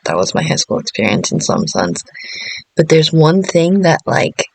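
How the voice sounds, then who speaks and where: Woman, thirties, casual vlogger; gravelly texture, meandering delivery, dry recording. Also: low voice, big pitch swings, normal speed, dry recording, rough recording. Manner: meandering, many fillers and self-interruptions, laughs often. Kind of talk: casual rambling monologue.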